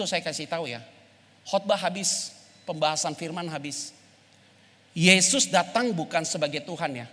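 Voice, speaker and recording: A man preaching a casual, animated sermon as pastor, slipping into English phrases and acting out dialogue. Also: fairly high pitch. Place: church sanctuary. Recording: long church hall reverb.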